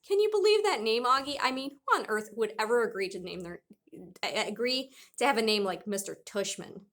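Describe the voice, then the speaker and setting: A woman's voice: fairly high pitch, a little fast. A woman voicing a playful, joking father in a storybook read-aloud. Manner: teasing and excitable.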